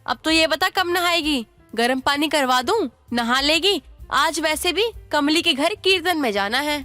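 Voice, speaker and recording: A woman voicing a sharp-tongued older mother-in-law who scolds and mocks. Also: high-pitched, expressive, unhurried, no echo, faint music behind, heavily acted. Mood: scolding. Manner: scolding, sarcastic.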